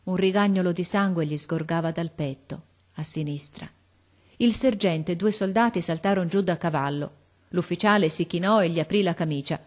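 A woman reads a storybook aloud in a calm, measured way. Her voice is on the low side, and her reading is clear and expressive.

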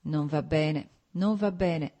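A woman's voice: low voice, slow pace, warm tone. A woman voicing a genial, worldly nobleman who talks in a jovial, teasing way.

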